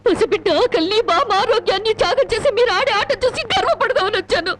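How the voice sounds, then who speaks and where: An actress playing a wronged young wife who speaks with sharp, tearful reproach in a film drama. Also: female voice, extremely high pitch, lively intonation, quick pace. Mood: reproachful. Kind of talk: emotional film dialogue.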